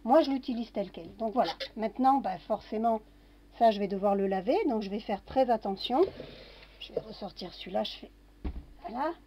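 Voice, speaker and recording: A woman's voice: mid-range voice, normal speed, slight background noise. A woman casually talking through a kitchen demonstration, narrating each step with little fillers. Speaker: home cooking vlogger. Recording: dull lo-fi home recording.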